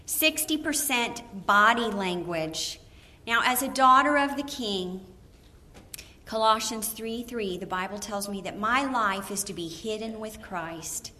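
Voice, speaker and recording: A preacher's wife teaching a Bible lesson in a lively way, acting out the voices she quotes. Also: medium pitch, a little slow.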